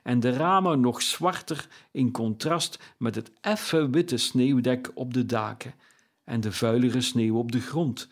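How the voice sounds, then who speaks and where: A man reading a classic story aloud as an audiobook narrator, measured and deliberate. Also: mid-range voice.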